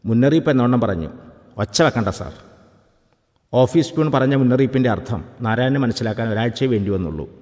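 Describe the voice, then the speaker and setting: A man reading a story aloud in a calm, even storytelling manner. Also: mid-range voice, fast talker, big-room sound. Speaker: narrator. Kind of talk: scripted story narration.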